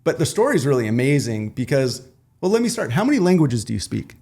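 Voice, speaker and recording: A man's voice: mid-range voice, very animated, quick pace, creaky, a little mellow. A man hosting a podcast, chatty and upbeat, with casual surfer slang. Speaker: podcast host. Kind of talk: casual interview chat.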